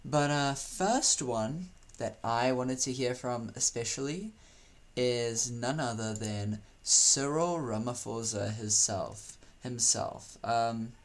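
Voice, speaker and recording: Guy rambling slowly at his screen, cracking jokes, pretty mid pitch. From South Africa. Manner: rambling, joking, teasing slang. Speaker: YouTuber host. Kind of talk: casual commentary over screen play.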